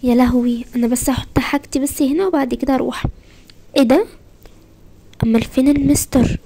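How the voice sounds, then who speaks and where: A young schoolgirl, as a woman tells her story with an Egyptian Arabic accent, talking in fast, breathless bursts full of exclamations. Her voice sits high, with a mellow, dark tone. This is a first-person storybook role-play. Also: fairly even intonation. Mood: worried. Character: young schoolgirl left alone, fearful.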